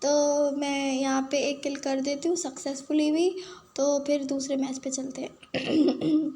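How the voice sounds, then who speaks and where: A woman with a hoarse, worn-out throat giving playful, self-mocking casual commentary over her game stream. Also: high-pitched, little pitch movement, unhurried, warm tone, slight background noise.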